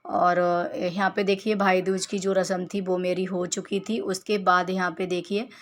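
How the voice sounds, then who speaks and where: Flat-voiced woman vlogger narrating. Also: on the low side, a little slow. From Uttar Pradesh, India. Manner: chatty, homely, walks viewers through each clip. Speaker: family vlogger. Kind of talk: casual vlog voice-over narration.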